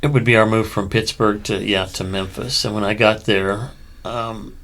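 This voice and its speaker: A middle-aged man with a low, gravelly voice, co-hosting a relaxed podcast conversation. He talks in a reflective, unhurried way, pausing to think as he goes. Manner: thoughtful, reflective, unhurried with fillers. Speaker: co-host.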